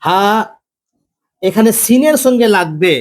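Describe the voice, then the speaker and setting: High-voiced man teaching Arabic grammar. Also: lively intonation. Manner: slow, drawn-out pronunciation of examples; repeats points and tells students to listen. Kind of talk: classroom grammar lecture.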